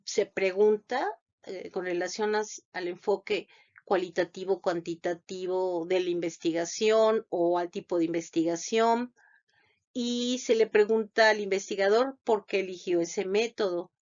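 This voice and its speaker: A woman who has sat on thesis juries gives an unscripted lecture, halting often with fillers and restarts. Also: medium pitch, fairly even intonation, a little mellow. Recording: dull lo-fi sound.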